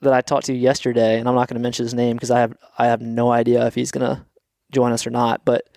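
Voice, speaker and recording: A man's voice: mid-range voice, monotone, fast talker, creaky, darkish tone, no room sound. Laid back guy from atlanta cohosting a podcast, rambles a bit, dead dry sound. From Atlanta, USA. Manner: easygoing, rambling with fillers. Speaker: podcast co-host. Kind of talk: casual chat.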